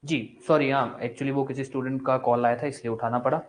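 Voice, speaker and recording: A man's voice: medium pitch, steady tone, fairly quick. A male law teacher giving a live online class, asking questions and answering them himself in a casual, encouraging way. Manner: casual and encouraging, mixes Hindi with English terms.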